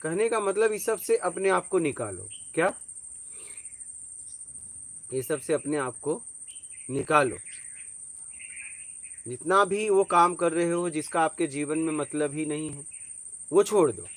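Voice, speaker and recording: A man's voice: on the high side, unhurried, pauses often. A man giving an informal spiritual talk, telling personal stories and often checking that his listeners follow. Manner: conversational, tells personal stories, asks listeners if they follow. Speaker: spiritual teacher.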